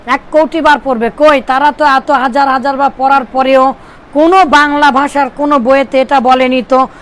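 A man's voice: very high-pitched, level tone, moderate pace, a bit bright. A man from Bangladesh teaching Arabic grammar to a classroom of pupils, drilling and repeating phrases for them to echo.

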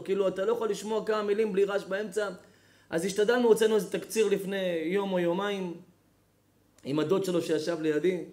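High-voiced rabbi preaching with emphasis. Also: male voice. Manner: emphatic, repeats phrases for effect, swings between loud and soft. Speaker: rabbi giving a public lesson. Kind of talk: impassioned sermon.

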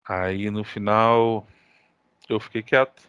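A man with a Brazilian accent hosting a gaming podcast, telling stories in casual, animated chat full of slang and swearing. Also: lowish voice, slow pace, smooth, no echo, clean studio sound. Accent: Brazilian Portuguese. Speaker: podcast co-host.

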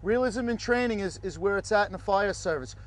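A man with a fairly high voice hosts a fire service training segment outdoors. He speaks with direct emphasis as he presses home safety points about tools and crews. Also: a little fast. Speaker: fire service instructor, show host. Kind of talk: training video presentation.

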